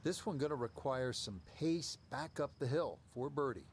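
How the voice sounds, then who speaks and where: A man working as lead golf commentator in a video game, calling play in a measured broadcast manner. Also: mid-range voice, expressive, slight background noise, close to an everyday voice. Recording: music and crowd behind voice. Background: music, crowd.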